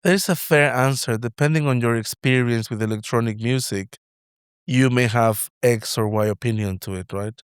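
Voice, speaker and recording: A Mexican-accented man hosts an interview podcast, leading into his questions with long personal stories. His voice is smooth and resonant. The sound is close and dry. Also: mid-range voice, moderate pace, dry recording. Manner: expansive, storytelling questions. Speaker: podcast host. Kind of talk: casual interview.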